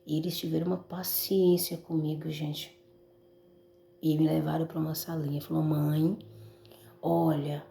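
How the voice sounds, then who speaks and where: A Brazilian woman gives an emotional testimony to a church audience, calling them brothers and folks. Her voice is low and gravelly, with a dark, mellow tone. The sound rings in a roomy space. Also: flat delivery, a little slow, long pauses. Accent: Brazilian Portuguese. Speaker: testimony speaker.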